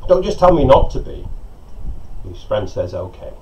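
A middle-aged man, a pastor, preaching a sermon and telling stories in an animated way, recorded on a lapel mic outside on a porch. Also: medium pitch, moderate pace. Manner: storytelling, animated, gesturing with hands. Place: covered porch outdoors by a lake. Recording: slightly dull sound with faint outdoor ambience.

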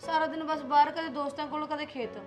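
A woman's voice: high voice, steady tone, fast, faint music behind, lightly acted. A young woman playing a patient daughter-in-law from Punjab, earnest and pleading. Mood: soft. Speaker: young wife. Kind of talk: amateur village drama acting.

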